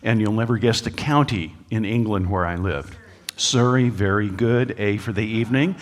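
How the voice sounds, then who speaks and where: A man's voice: lowish voice, normal speed, long reverb tail. A man giving a public lecture to a live audience, folksy and joking, with frequent filler uhs. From United States. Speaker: speaker at a creationist talk. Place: lecture hall.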